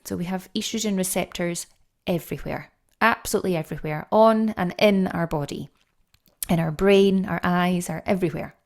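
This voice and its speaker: A middle-aged woman with a lowish voice talks as a guest coach on a podcast. She explains step by step and leans hard on key words. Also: moderate pace, gravelly. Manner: lively, explains step by step, animated stresses.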